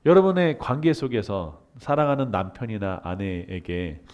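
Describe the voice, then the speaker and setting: Lowish-voiced and speaking at normal speed, this lecturer in the humanities asks questions only to answer them himself. He also brings everyday dialogues to life with lively acted-out voices.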